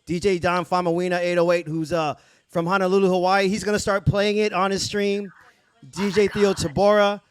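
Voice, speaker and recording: A man's voice: sits high, level tone, fairly quick, smooth, dry recording, clean studio sound. A man hosting a casual livestream interview as a DJ, hyped and full of praise. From United States. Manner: hyped, repeats praise like "very dope". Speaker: livestream DJ host.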